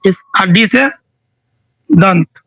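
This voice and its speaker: A man's voice: high voice, expressive, drawn-out words, creaky, fairly bright tone, no room sound, low-quality recording. A male teacher running an online revision quiz, asking each question again and again and prompting students to answer.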